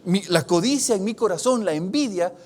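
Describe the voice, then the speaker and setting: A man preaching a sermon, earnest and confessional, swinging between loud emphatic bursts and hushed, drawn-out phrases as he reads scripture. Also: high-pitched, animated. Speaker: pastor.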